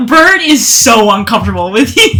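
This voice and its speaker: A woman's voice: on the high side, pushed and bright, a little hiss or hum. A woman running a tabletop game as dungeon master, giggly and full of fillers.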